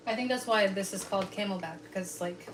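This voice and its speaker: A woman's voice: mid-range voice, fast. A woman co-hosting a cooking livestream, chatting casually with a playful, joking manner. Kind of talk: casual chat while cooking and eating. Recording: echoey room with faint noise.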